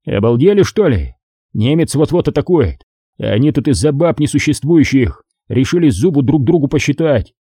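A firm army sergeant giving curt orders, as a male narrator plays him. His voice is only a little higher than the narrator's and stays dark and husky. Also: sing-song, normal speed, dry recording, studio quality. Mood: firm command. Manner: curt, authoritative.

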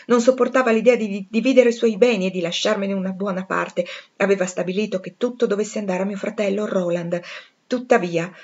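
Rochester-like: a proud, passionate gentleman, as a woman reads him in an audiobook, intense and pleading. Her mid-pitched voice keeps its own sound. The recording is dull and lo-fi. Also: natural voice. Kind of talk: audiobook reading.

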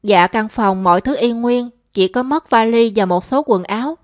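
A woman's voice: on the high side, moderate pace, dry recording, close to an everyday voice. A timid young housemaid from an audio storybook, meek and polite, as a woman narrator puts her on. She answers in a deferential, flustered way. The recording is close and dry.

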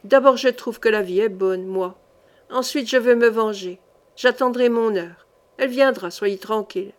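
A woman reading an audiobook, voicing a fierce, proud male medieval captain who speaks low and cold. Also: moderate pace, lightly acted. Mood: grim.

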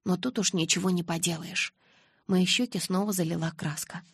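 Audiobook narrator, woman, low and breathy, expressive first-person reading, dry recording. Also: moderate pace, no echo.

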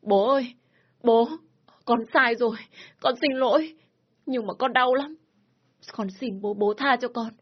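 A woman plays a terrified young daughter in a spoken story, crying as she begs her father to stop. Her pleading sits high and breathy. The recording is dull and lo-fi. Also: measured pace, long pauses. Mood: tearful pleading. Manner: begging, apologetic.

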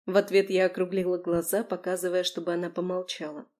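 A woman narrating a first-person novel in an expressive, lively way. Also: on the low side, fast talker. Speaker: audiobook narrator.

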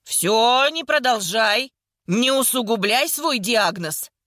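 A woman voicing a sharp-tongued older woman in a hospital bed, hoarse and sarcastic, teasing without mercy. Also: fairly high pitch, lively intonation, slow, no room sound, studio quality, full character voice. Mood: stern.

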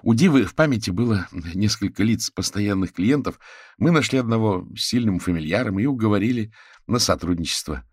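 A man's voice: fairly low pitch, fairly quick, husky, dry recording, studio quality, voice pushed up. A man doing a proud, chatty sorcerer. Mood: pleased. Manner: lively, pleased with himself. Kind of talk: audiobook character voice.

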